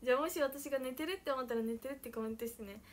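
A young woman chatting casually on a livestream, playful and mock-dramatic, sometimes dropping to soft murmurs. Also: high voice, very fast. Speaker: idol livestreamer. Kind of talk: casual livestream chat with viewers.

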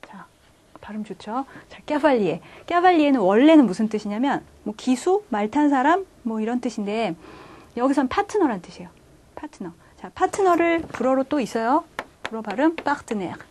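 Woman teaching French, slightly high voice. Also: sing-song, a little mellow, slight background noise. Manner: explains patiently, starting phrases with "자"; reads French example sentences slowly. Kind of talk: online language lecture.

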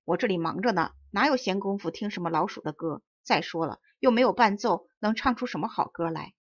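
A woman's voice: medium pitch, animated, brisk, no room sound, natural voice. A haughty old man, impatient and scornful, in a storybook audio recording, voiced by a woman reader. The sound is dry and slightly dull. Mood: dismissive. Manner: scornful, dismissive. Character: proud, impatient old man at a radio station.

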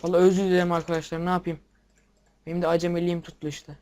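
A young man giving casual game commentary, excitable, swearing at the game and talking to his viewers. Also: high voice, very fast, a little hiss or hum. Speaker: gameplay video maker. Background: keyboard and mouse clicks.

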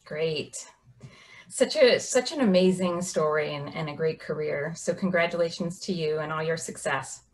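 Over a rough recording, a low-pitched woman in her forties reads prepared remarks at normal speed. She is the host of a scripted introduction and interview conducted by video call from a home office, and her delivery is polished and upbeat.

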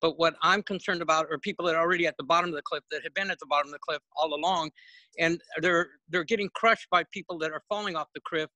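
A middle-aged man, a houseless advocate, speaking haltingly and earnestly with many fillers over a video call that breaks up. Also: on the high side, bright, forceful tone, no echo, low-quality recording. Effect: heard over a video call that breaks up. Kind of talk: panel remarks on a video call. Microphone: dialed in remotely.

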